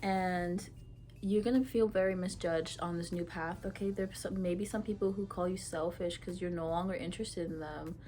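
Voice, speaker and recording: A woman's voice: lowish voice, fairly even intonation, normal speed, warm tone. Chatty woman reading tarot to camera. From Ethiopia. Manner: chatty and frank, many fillers and repeats. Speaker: tarot reader.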